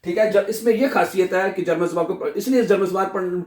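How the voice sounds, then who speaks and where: A man giving a German pronunciation lesson, breaking long words into parts and repeating them slowly, syllable by syllable. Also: sits high, a little mellow. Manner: drills words slowly, syllable by syllable, with many repetitions. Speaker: German language teacher. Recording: echoey room, mic at a distance.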